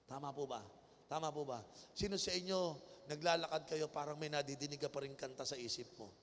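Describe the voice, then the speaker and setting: A man's voice: fairly high pitch, a little fast, a bit bright, slight background noise. A man with a Filipino accent preaching a sermon in a large convention hall, mixing Tagalog and English and calling for audience responses. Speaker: bishop preaching. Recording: long-echo auditorium.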